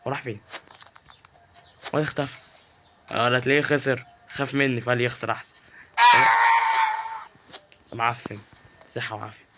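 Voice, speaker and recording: A man's voice: medium pitch, brisk, pauses often, noisy background. A man with an Egyptian Arabic accent giving live, teasing commentary while playing a game. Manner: excitable and teasing, yells at game characters. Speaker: gaming YouTuber.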